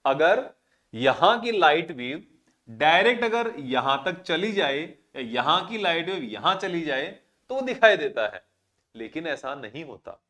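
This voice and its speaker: A man's voice: on the high side, very animated, a little slow, pushed and bright. A male physics teacher, giving a classroom lecture and explaining through rhetorical questions and everyday examples.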